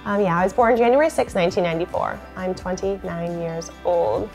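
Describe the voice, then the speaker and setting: A woman's voice: lowish voice, brisk, creaky, darkish tone, soft background music. Chatty woman in her late twenties. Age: late 20s. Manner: chatty, lots of "like" fillers, bubbly. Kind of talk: casual chat to camera.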